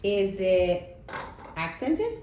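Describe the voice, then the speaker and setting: A woman's voice: medium pitch, wildly swooping pitch, extremely slow, dark tone, slight background noise. A woman teacher giving a demonstration reading lesson, patiently checking in with her class as she goes. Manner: patient, checks in often with "okay?". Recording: echoey room, faint ambience.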